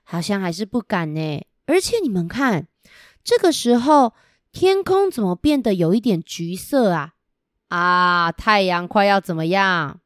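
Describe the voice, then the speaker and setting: A woman's voice: mid-range voice, big pitch swings, unhurried, no room sound, studio quality. A woman with a Taiwanese Mandarin accent telling a picture-book story as if reading to a toddler, putting questions to the children.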